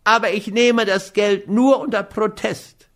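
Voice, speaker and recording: A man's voice: high-pitched, fairly even intonation, measured pace, fairly bright tone, voice pushed up. A man reading an audiobook, voicing a cowardly, whining man who sulks and grumbles. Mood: whiny. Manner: whining, fearful, grudging. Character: whiny cowardly man, sullen dog owner. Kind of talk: audiobook character voice.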